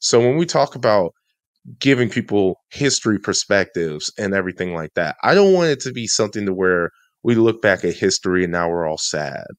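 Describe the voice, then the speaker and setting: A man's voice: on the low side, big pitch swings, brisk, smooth, dry recording. A man co-hosting a casual studio podcast, speaking in an emphatic, motivational way. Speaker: podcast co-host.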